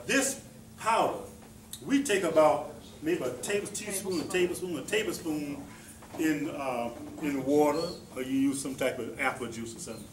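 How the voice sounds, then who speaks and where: A man with a fairly high voice gives a folksy, rambling talk, repeating himself and tossing questions out to the people in front of him. He sits back from the microphone, so he sounds distant in an echoey room. A faint hum of room noise runs underneath. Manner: folksy, repetitive, asks the audience questions. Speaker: presenter teaching about herbs. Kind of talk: informal talk to a small audience.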